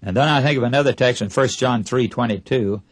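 A man's voice: mid-range voice, a little fast, breathy edge, no echo. A man preaching a broadcast Bible sermon, emphatic and putting rhetorical questions to his listeners. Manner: acts out short imagined dialogues. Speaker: radio preacher.

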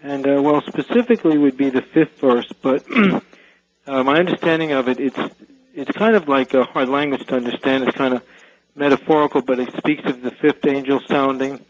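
A man's voice: medium pitch, dry recording. Man calling in on a muffled phone line. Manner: hesitant, careful, pauses often. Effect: caller heard over a phone line on radio. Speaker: radio call-in caller. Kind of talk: call-in question to radio pastors.

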